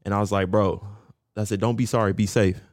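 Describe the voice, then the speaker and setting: Low-voiced man telling stories, dry sound. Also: fairly quick, dry recording. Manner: profane, animated storyteller. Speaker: podcast co-host. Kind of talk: casual podcast chat.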